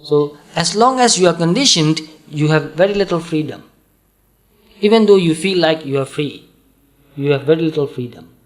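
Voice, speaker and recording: A man from Burma with a Burmese accent, giving a calm, patient dharma talk and repeating points slowly. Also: on the high side. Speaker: Buddhist monk teacher.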